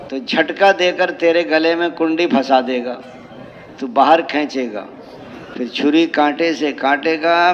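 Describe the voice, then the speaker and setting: A man's voice: fairly high pitch, fairly bright tone, slight background noise. A man with a Pakistani Urdu accent preaching a sermon at a large mosque gathering, telling parables and stacking emphatic lists. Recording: lo-fi hall recording with long reverb.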